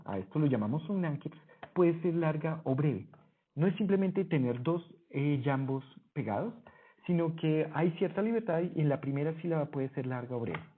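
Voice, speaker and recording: A man's voice: a little high, slight background noise. A man teaching a Greek lesson over a screen recording, explaining patiently and correcting himself as he goes. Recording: husky voice, phone-like narrow sound.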